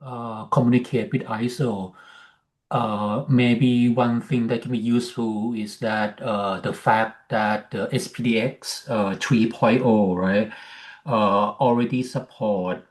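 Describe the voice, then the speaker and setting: A man speaking up in an online work meeting, explaining a point hesitantly with many pauses, over a video call microphone. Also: medium pitch, steady tone. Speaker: meeting participant.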